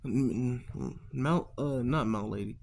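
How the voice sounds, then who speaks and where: A man's voice: mid-range voice, slow, gravelly, a little mellow. A man narrating a fan-made what-if story in a rambling, slangy, profane way, often losing track of his words. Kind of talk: casual improvised storytelling.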